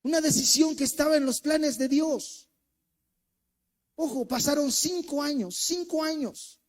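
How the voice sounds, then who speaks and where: At a measured pace and very high pitch, a co-pastor with a Mexican Spanish accent delivers a sermon built around a personal story. He brings the voices to life and shifts animatedly between loudness and near-whispers.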